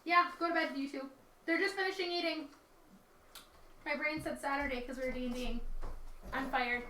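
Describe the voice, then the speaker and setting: A high-pitched woman with a bright voice runs a tabletop game at the table, chatty and quick to laugh. She is heard from a distance in an echoey room, with faint noise underneath. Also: steady tone. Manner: chatty, laughs often, self-correcting. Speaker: dungeon master. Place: dining room table with players.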